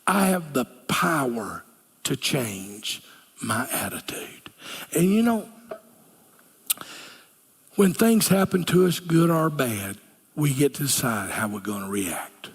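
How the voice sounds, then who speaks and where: A man's voice: medium pitch, big pitch swings, takes it slowly, pauses often, breathy edge. An older man preaching a sermon as a pastor, folksy and earnest, dropping to a whisper for key lines. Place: church sanctuary. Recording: church hall reverb.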